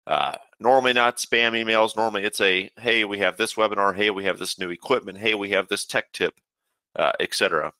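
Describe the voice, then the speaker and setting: Guy doing a software webinar walkthrough, kinda low voice, lots of uh's, super dry sound. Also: a little fast, no echo. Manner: casual, steady instructional talk with frequent "uh" fillers. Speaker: software trainer.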